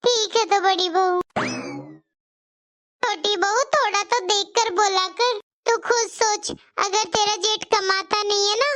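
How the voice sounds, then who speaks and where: A stern but fair mother-in-law in a cartoon story, voiced by a woman, lecturing her daughters-in-law. The voice sits very high and sounds bright and sharp. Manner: scolding, lecturing.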